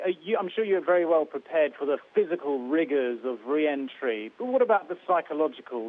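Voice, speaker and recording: A man, a news journalist, putting a question at a press event over a radio link. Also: on the high side. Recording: tinny, phone-like radio link.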